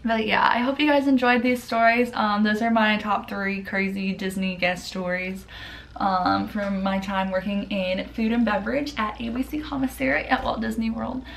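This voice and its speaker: A woman's voice: medium pitch, steady tone, normal speed, creaky. A young woman vlogger telling stories in a casual, chatty way, full of fillers and restarts. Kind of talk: casual storytelling vlog.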